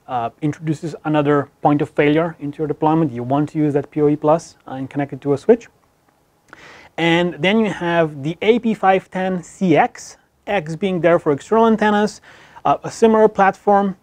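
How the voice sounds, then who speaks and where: A man in his thirties giving a technical product overview in a studio, talking quickly and fluently with frequent fillers. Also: fairly high pitch, a little mellow, dry recording. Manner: brisk, fluent, many fillers, talks with his hands. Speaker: product presenter. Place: studio with dark backdrop.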